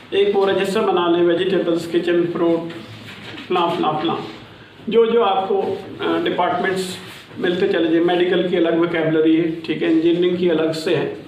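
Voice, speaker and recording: A man's voice: high voice, slight background noise. A middle-aged male English teacher lectures a class, checking in often and mixing in English phrases. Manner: repeats "ٹھیک ہے" as a check-in, switches into English phrases. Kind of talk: classroom lecture on reading habits. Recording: echoey room, voice from far off.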